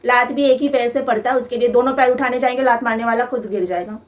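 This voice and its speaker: A woman's voice: on the high side, steady tone, fast talker. A young woman vlogger telling a personal story in an emphatic, aggrieved way, piling up lists of complaints.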